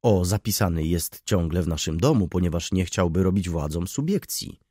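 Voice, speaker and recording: Man reading sly young student, suave and mock-polite, low voice, dry audiobook. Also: lively intonation, moderate pace, mellow, husky, dry recording.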